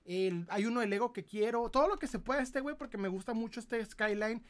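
A man's voice: extremely high pitch, fairly quick. Mexican man telling a rambling story. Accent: Mexican Spanish. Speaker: collectibles livestream host. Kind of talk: casual livestream chat.

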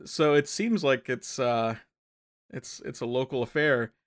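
A man's voice: mid-range voice, a little slow. A man co-hosting a podcast, recapping a film in casual chat, rambling and correcting himself as he goes, often laughing. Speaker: podcast co-host. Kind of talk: casual movie review chat.

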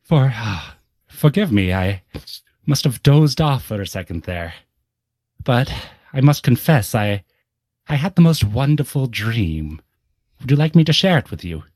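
A man voicing a drowsy dreamer just waking from a dream, murmuring low and hushed in a dreamy way. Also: big pitch swings, unhurried, no room sound. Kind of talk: comedic podcast bit.

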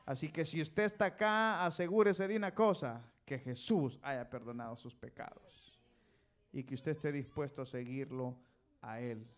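A man's voice: medium pitch, moderate pace. Folksy preacher, man. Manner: folksy, teasing, calls out to the congregation; swings between loud and soft. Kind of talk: sermon.

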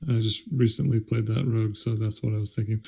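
Hesitant man with a gravelly voice. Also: lowish voice, steady tone, fast, dark tone. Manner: hesitant, thinking aloud. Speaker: player. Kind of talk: casual tabletop game play.

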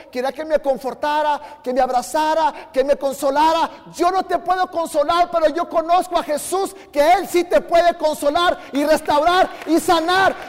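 A man with a Mexican accent preaching a sermon as pastor, fervent, swinging from soft asides to shouted emphasis and joking with the congregation. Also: extremely high pitch. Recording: long hall reverb.

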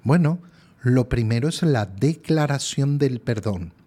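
Earnest priest with a lively, mellow voice. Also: male voice, medium pitch, a little slow. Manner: earnest, emphatic, repeats key phrases. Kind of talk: lectio divina sermon.

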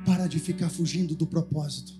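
A man's voice: a little high, fast talker, loud music behind the voice. A man preaching a sermon as pastor, giving the congregation commands to repeat after him. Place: church.

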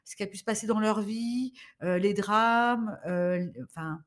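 Femme d'âge mûr, bavarde et hésitante. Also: female voice, medium pitch, a little slow. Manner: rambling, hesitant, full of fillers. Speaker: guest, the host's mother. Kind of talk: casual podcast chat about books.

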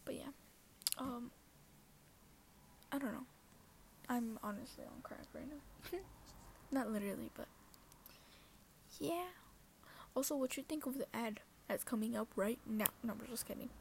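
A woman's voice: on the high side, unhurried, creaky, long pauses, darkish tone, a little hiss or hum. A woman hosting her own podcast, rambling and self-conscious, often dropping into a half-whisper. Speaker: podcast host. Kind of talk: casual solo talk.

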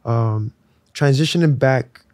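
A young man from Nigeria, a musician talking in a relaxed, reflective way with lots of fillers during an interview. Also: medium pitch, slow pace, no echo. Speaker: musician guest. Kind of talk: casual interview talk.

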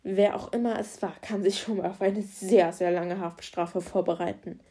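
A woman's voice: fairly low pitch, fairly even intonation, moderate pace, mellow, natural voice. A woman voicing a determined, caring male police officer who speaks firmly and reassuringly in an audiobook. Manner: firm, commanding, reassuring.

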